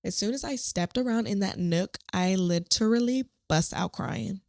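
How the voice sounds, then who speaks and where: A woman podcast host, a nurse, telling a story from a shift in a lively, animated way. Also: mid-range voice, normal speed, slight background noise. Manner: animated storytelling, acts out quotes.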